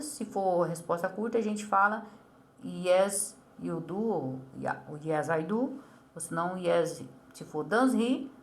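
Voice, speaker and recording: A woman with a Brazilian accent, explaining an English lesson to a child and saying English model phrases slowly and carefully. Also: lowish voice. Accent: Brazilian Portuguese. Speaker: English teacher.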